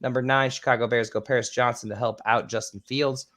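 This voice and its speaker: A man hosting a casual podcast, rattling off a list with filler ums and casual swearing, his voice a bit squeaky. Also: steady tone, brisk, fairly bright tone. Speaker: podcast host.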